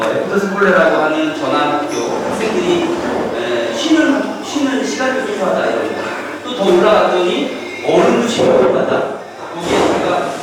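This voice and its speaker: Male event host, high-pitched and conversational, halting delivery, heard from a distance in a heavily reverberant hall. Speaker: event host, community centre director. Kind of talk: informal live introduction. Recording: very noisy, echoey hall, distant microphone.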